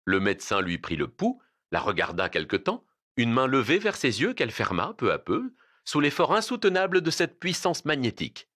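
A man narrating a literary story aloud in an expressive, dramatic reading. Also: medium pitch, moderate pace.

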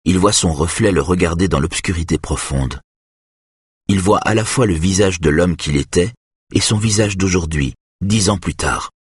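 A man narrates an audiobook in a measured, steady read. His voice is very low and husky. The recording is dry and close, with no room sound. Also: no room sound. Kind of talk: scripted narration.

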